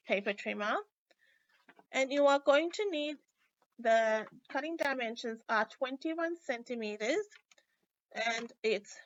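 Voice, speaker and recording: A woman hosting a casual live craft tutorial, sounding nasal and a little sick, chatting in a halting way with many pauses. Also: fairly high pitch, a bit bright, a little hiss or hum. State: under the weather with a stuffy, sick-sounding voice. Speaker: host of a weekly craft livestream. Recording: dull, lo-fi livestream audio.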